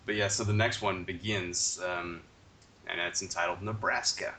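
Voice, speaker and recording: Male podcast co-host, low bright voice, halting chatty recap, a bit off-mic with faint hiss. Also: fairly even intonation, recorded from a distance. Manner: rambling, halting recap with mock-shouted quotes. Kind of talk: casual chat.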